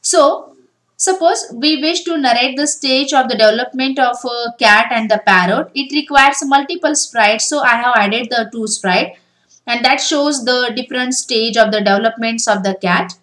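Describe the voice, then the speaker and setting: Bright-voiced woman teaching step by step. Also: fairly high pitch, moderate pace, rough recording. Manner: step-by-step explaining, often starting with "now". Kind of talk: screen-recorded coding tutorial.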